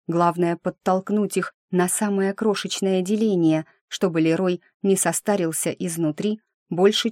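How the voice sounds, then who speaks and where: A woman telling a first-person fantasy story as an audiobook narrator, with lively, engaged storytelling. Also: fairly low pitch, no echo, clean studio sound.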